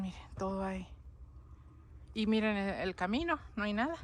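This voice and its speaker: A woman's voice: medium pitch, slight background noise. A woman, chatting casually to her viewers while filming a snowy yard on her phone outdoors. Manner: chatty, addresses viewers constantly. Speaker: vlogger. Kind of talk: casual vlog walkthrough. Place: outdoors in deep snow.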